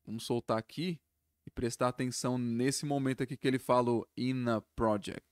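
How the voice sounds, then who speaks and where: A man teaching English pronunciation, explaining each sound step by step and repeating words slowly. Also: medium pitch, steady tone, clean tone. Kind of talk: pronunciation lesson.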